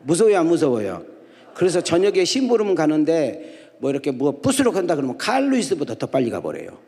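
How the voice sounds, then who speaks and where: A man's voice: on the high side, wildly swooping pitch, brisk, dark tone. A middle-aged man preaching a sermon as a guest pastor. He tells funny stories and keeps quizzing the congregation with call-and-response questions. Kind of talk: humorous storytelling sermon. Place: large church sanctuary at a dawn prayer service. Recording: echoey church hall reverb.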